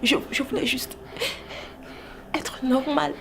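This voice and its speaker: A woman's voice: high-pitched, flat delivery, slow, noisy background. A woman with a Cameroonian French accent playing a distraught young woman, tearful and pleading, in a web-series drama. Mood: sobbing. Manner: tearful, pleading, breaking into sobs.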